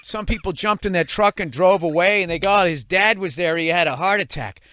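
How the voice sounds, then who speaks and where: A man's voice: high-pitched, fairly quick, sharp tone. A man hosting a podcast, swapping blunt, profane stories in casual conversation. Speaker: podcast host.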